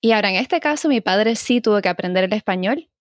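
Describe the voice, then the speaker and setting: A woman's voice: medium pitch, animated, fast talker, dry recording, clean studio sound. A young woman raised in Spain and Puerto Rico, a podcast guest telling her story in a friendly, talkative way. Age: young adult. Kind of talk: conversational interview.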